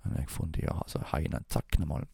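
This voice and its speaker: A man with a Swiss German accent telling a rambling anecdote in a casual way, halting often with fillers and restarts and imitating thumping sounds. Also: very deep voice, lively intonation, creaky, mellow, slightly rough, no echo, clean studio sound. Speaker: storyteller.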